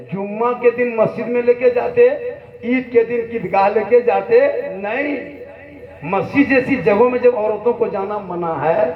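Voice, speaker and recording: High-voiced preacher man, slow and echoey. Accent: Jharkhand Hindi. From Jharkhand, India. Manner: joking, rhetorical, repeats phrases for emphasis. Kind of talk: humorous religious sermon. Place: conference stage before a crowd. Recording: echoey distant dull crowd recording.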